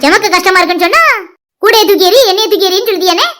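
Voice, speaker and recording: A woman's voice: very high voice, very fast, noisy background. A woman voicing a quarrelsome young village mother. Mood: bossy. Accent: Tirunelveli Tamil. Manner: argumentative, protective.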